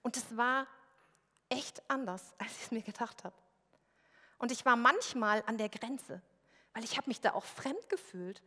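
A woman's voice: fairly high pitch, animated, a little slow, long pauses, sharp tone, in a large hall. A woman from West Germany preaching a sermon in a church service room, in a conversational, personal storytelling way.

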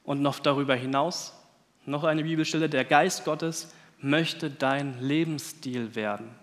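A man preaching a sermon in a church, emphatic, stacking lists of words and letting phrase ends fall quiet. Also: on the high side, measured pace, long reverb tail.

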